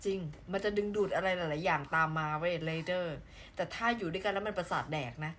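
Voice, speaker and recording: A woman's voice: on the low side, steady tone, a little fast, fairly bright tone, slight background noise. Chatty, playful woman live-streamer. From southern Thailand. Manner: chatty and playful, with frequent exclamations. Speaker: live streamer reading viewer comments. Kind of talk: casual live-stream chat.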